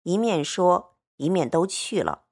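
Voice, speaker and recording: A woman narrates a classic novel in a measured storytelling reading. She takes her time, and her pitch rises and falls with lively expression. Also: creaky, husky.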